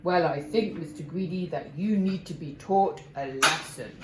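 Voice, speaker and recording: A woman voicing a huge, stern male giant in a children's storybook, bellowing slowly and menacingly. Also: reverberant, background noise, close to an everyday voice. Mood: gloating, stern. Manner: booming, slow, menacing.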